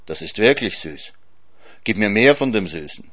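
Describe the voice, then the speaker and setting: A man's voice: on the low side, animated, normal speed, fairly bright tone. A man voicing a greedy, moaning male hyena in a storybook reading, with a plaintive, pleading tone.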